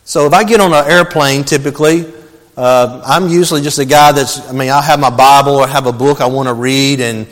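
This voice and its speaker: A man's voice: mid-range voice, a little fast, big-room sound. A male pastor preaching a sermon, telling a personal story earnestly and calling his listeners beloved.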